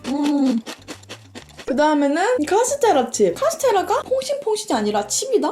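A woman hosting a casual snack-tasting chat for viewers, exclamatory, with playful sound words and drawn-out reactions. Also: high-pitched, big pitch swings, dark tone. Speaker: mukbang host.

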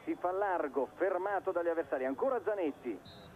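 A man's voice: fairly high pitch, lively intonation, fairly quick. A man giving live play-by-play football commentary for television. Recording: dull lo-fi broadcast, noisy stadium ambience. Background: stadium crowd noise.

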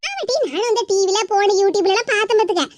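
A woman voicing a proud, easily flattered elder sister in a cartoon, speaking in a pleased, indulgent way with a Tirunelveli Tamil accent. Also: very high-pitched, fast, heavy background noise.

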